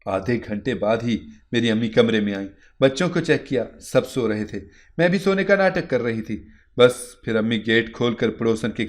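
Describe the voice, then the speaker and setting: A man reading a first-person moral story in a steady, earnest narration. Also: mid-range voice.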